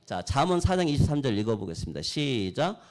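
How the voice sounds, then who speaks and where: A man preaching a sermon as pastor, swinging between loud exhortation and soft acted-out prayers. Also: medium pitch, big pitch swings, a little fast. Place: church sanctuary.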